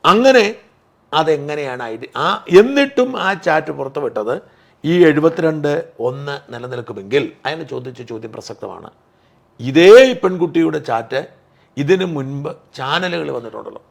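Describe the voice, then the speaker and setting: A man co-hosts a political talk show, picking apart legal sections one by one. His voice is gravelly and sits a little high. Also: lively intonation, a little slow. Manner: argumentative, explains legal sections point by point. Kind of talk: casual political discussion.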